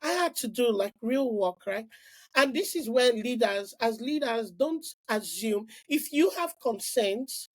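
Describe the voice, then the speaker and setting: Speaking at a measured pace in a voice that runs a little high, a middle-aged Nigerian woman shares her story as a podcast guest. The casual interview conversation is animated, with many restarts and "like" fillers.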